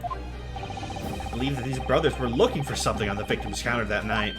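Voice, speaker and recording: Streamer playing an earnest, animated defence lawyer. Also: mid-range voice, brisk, music in the background, pitched below the performer's own voice, close to an everyday voice. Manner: formal courtroom oratory.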